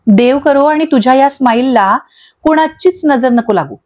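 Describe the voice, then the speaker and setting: A woman's voice: high voice, lively intonation, moderate pace, darkish tone. A woman voicing a cheeky, teasing young best friend who speaks with playful drama. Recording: dull lo-fi audio.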